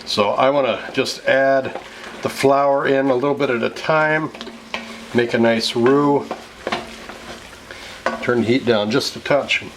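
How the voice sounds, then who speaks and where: A man's voice: medium pitch, steady tone, takes it slowly, pauses often. American cooking show host, man over kitchen noise. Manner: explanatory, conversational step-by-step narration. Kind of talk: casual cooking show host talking through a recipe. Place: home kitchen, indoors. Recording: clear background noise, kitchen clatter.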